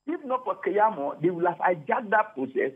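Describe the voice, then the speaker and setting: A man's voice: high-pitched, sing-song, normal speed, faint music behind. A Nigerian man phoning into a talk radio show as a caller, talking emphatically and often repeating and restarting his phrases. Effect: radio show caller over a phone line. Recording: tinny phone line.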